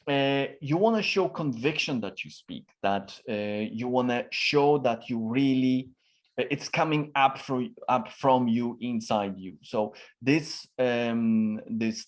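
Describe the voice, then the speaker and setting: A man answering interview questions as a communication expert, talking emphatically with lots of tonal variation and frequent fillers. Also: medium pitch. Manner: emphatic, varies his tone a lot, frequent fillers.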